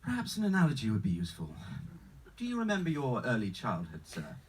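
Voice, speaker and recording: A man acting as an unflappable, courteous travel agent with a faintly sinister sales pitch, in a screenplay table read. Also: huge pitch swings, fast, husky, distant mic, rough recording. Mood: patient, persuasive. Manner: formal, courteous, salesman-like, calls the customer sir.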